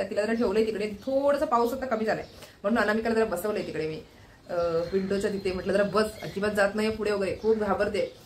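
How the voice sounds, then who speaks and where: A woman's voice: a little high, slight background noise. A woman from Maharashtra chatting casually in a home vlog, keeps pointing things out to viewers. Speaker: vlogger.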